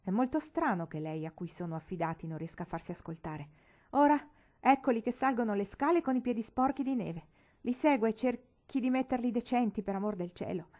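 A harsh, bullying gentleman barks his orders in a raised, strained voice, loud and pitched high with rage, as a woman reads him in an audiobook. The tone is mellow underneath the shouting. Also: fairly quick, natural voice. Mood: scolding. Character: furious middle-aged gentleman, harsh and bullying.

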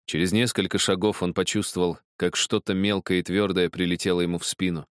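Deep-voiced male audiobook narrator. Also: little pitch movement, a little fast, smooth, no room sound, clean studio sound. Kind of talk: scripted narration.

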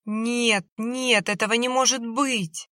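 A woman's voice: on the high side, steady tone, slow pace, pushed and bright, no echo, studio quality, pitched above the performer's own voice. A woman voicing a terrified young man who pleads and denies in desperation. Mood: desperate.

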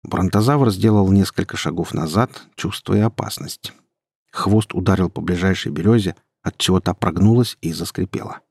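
Low, husky male storyteller. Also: normal speed, darkish tone, no room sound, studio quality. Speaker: audiobook narrator. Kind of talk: first-person story narration.

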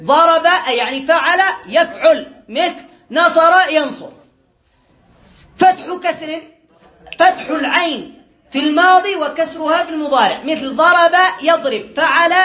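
High-voiced man teaching in an echoey hall. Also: sharp tone. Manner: quizzes students with quick questions and answers them himself; drills word patterns with repetition. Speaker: Islamic studies teacher. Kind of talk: classroom lesson on Arabic morphology. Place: lesson hall with students.

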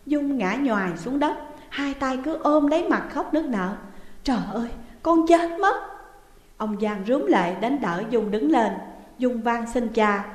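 A woman reading a novel aloud in a measured, emotive way. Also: on the high side, expressive. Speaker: audiobook narrator. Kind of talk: scripted story narration. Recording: echoey room with long reverb.

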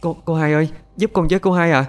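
A man's voice: on the high side, fairly even intonation, fast, faint music behind, pitched above the performer's own voice, close to an everyday voice. A man voicing a frightened young pregnant woman who pleads breathlessly for help. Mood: pleading.

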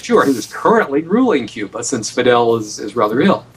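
A man's voice: medium pitch, sing-song, fairly quick, slightly rough, distant mic. An American man telling a story as an interview guest, emphatic, often repeating and restarting his phrases. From United States. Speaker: guest author on a radio show.

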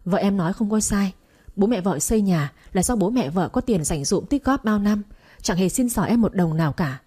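A woman's voice: medium pitch, animated, normal speed, warm tone, slightly rough. A woman voicing a young husband who firmly defends his wife in a read-aloud story. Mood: exasperated. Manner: firm, exasperated pleading.

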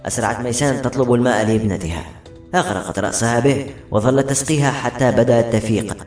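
A man narrating a fantasy novel as an audiobook in brisk, dramatic storytelling. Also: mid-range voice, a little mellow. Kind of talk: scripted narration. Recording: roomy echo, faint music behind.

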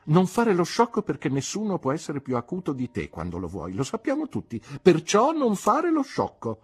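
A woman's voice: wildly swooping pitch, moderate pace, husky, full character voice. A woman reading an audiobook aloud and voicing a stern, eccentric elderly aunt who barks her orders. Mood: commanding. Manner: shrill, commanding outbursts.

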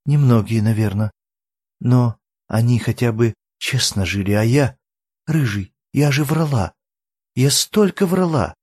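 A man's voice: a little slow, a little mellow, slightly rough, dry recording, studio quality. A man reading an audiobook, voicing a tearful young woman who pleads and blames herself. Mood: ashamed. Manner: high, pleading, breaking into sobs.

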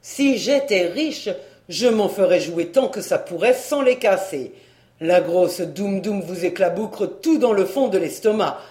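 A reader voicing a boisterous young male country servant who talks in rustic dialect, loud and excited. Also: medium pitch, measured pace, echoey room, lightly acted. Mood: boastful.

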